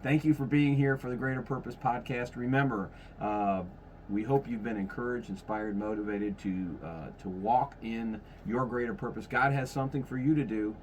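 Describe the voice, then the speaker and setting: A man's voice: medium pitch, normal speed, darkish tone, a little hiss or hum. A man in his fifties hosting a podcast in casual chat, rambling and correcting himself as he goes. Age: 50s. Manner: rambling, self-correcting, folksy. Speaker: podcast host.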